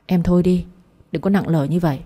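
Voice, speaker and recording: A curt, defensive younger brother voiced by a woman narrator who snaps at his sister. The tone is low and husky, mellow rather than bright. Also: quick pace. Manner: curt, snapping.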